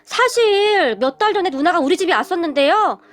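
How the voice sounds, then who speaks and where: A woman's voice: extremely high pitch, lively intonation, a little fast, fairly bright tone. Brief: fed-up husband caught in a family fight, read by a woman narrator. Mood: exasperated. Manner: sighing, exasperated. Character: exasperated young husband caught between family.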